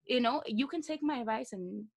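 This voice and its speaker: A young woman chatting casually as a co-host, telling stories in a slangy, emphatic, animated way. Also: fairly high pitch, fairly quick, creaky. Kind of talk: casual gossipy storytelling chat.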